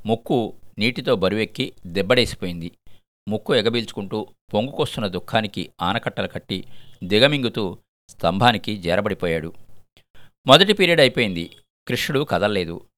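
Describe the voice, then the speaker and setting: An older retired man from Andhra Pradesh reading a short story aloud in a measured, expressive way. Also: fairly low pitch, dry recording. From Andhra Pradesh, India. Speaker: story reader. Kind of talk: storytelling narration.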